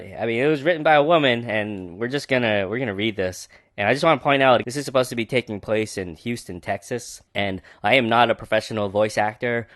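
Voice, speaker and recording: A man's voice: lowish voice, no room sound, studio quality. A man hosting a book podcast, giving casual, sarcastic commentary that rambles and is full of fillers.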